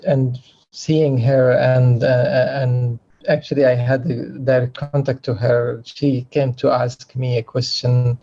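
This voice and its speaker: A man with a mellow, even voice, speaking very slowly and hesitantly about his film. The sound is dull and lo-fi, like remote call audio. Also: medium pitch. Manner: slow and hesitant, many fillers. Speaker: writer and director. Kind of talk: festival Q&A.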